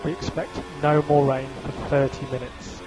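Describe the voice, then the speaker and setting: Over a very noisy radio link, a race engineer gives clipped, businesslike instructions, repeating the key calls. His voice is on the high side, level in tone, at a moderate pace. Engine and vehicle noise fill the background, along with music.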